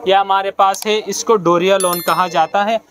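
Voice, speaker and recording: A man's voice: sits high, fairly even intonation, moderate pace, a bit bright, a little hiss or hum. A man with a Pakistani Urdu accent, working as a shopkeeper, patiently explaining his fabrics in a mall clothing shop. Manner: explains goods patiently, repeats product names. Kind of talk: sales pitch to camera.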